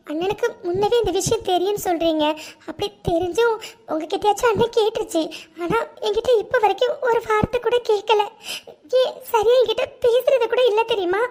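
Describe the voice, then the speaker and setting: This is a worried young woman in love from a cartoon, voiced by a woman. Her voice sits extremely high, and she frets and questions nervously, apologizing often. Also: brisk, a little mellow. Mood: guilty, upset. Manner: keeps asking questions, fretful and apologetic. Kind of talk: cartoon dialogue.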